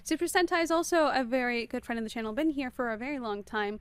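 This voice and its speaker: A woman game streamer talks at breakneck speed through live commentary. Her voice sits high and sounds smooth and clear. She greets viewers by name between moves. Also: expressive, dry recording. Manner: talks extremely fast.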